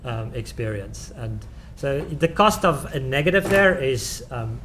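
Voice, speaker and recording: Fielding questions from the audience in a conference room, this tech-talk presenter with a South African accent stumbles through many "um"s and restarts. He speaks a little slowly in a mid-range, fairly bright voice with lively intonation, over slight background noise.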